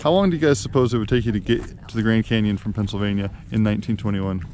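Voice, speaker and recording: A man's voice: fairly low pitch, fairly even intonation, fast talker, darkish tone, a little hiss or hum. A man hosting a family vlog outdoors on a snowy canyon trail, chatting playfully with his kids. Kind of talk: casual family vlog chat.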